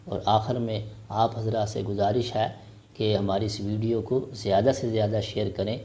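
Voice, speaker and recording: A man teaching a Quran recitation lesson, explaining rules and spelling out each syllable slowly before reciting the verse drawn out. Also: lowish voice, flat delivery, warm tone.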